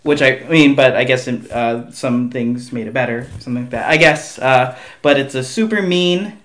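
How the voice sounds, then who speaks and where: A man's voice: medium pitch, moderate pace, a bit bright. A man chatting casually as a podcast guest in a hesitant, rambling way. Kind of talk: casual chat about board games.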